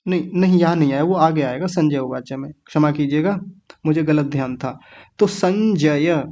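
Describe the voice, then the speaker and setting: A man teaching children how to pronounce Sanskrit words, patiently breaking each one into syllables and saying them very slowly. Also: high voice, a little mellow, muffled recording. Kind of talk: online lesson for children.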